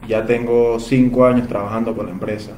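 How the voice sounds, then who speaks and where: A man's voice: mid-range voice, little pitch movement, a little fast, darkish tone. A man from Venezuela, selling phone parts and courteously answering viewers' questions in a live Q&A. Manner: courteous, addresses viewers as "usted". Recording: roomy echo, faint ambient noise.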